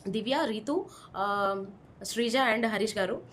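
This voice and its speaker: A woman giving a casual, chatty recap of a reality show episode, retelling it in an animated way. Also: medium pitch, slow pace.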